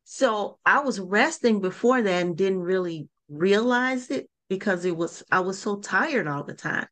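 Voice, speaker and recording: A woman hosts a podcast with a voice in the middle of the usual pitch range. She thinks aloud in a reflective, conversational way. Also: animated, unhurried, fairly bright tone. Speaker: podcast host. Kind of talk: casual interview chat.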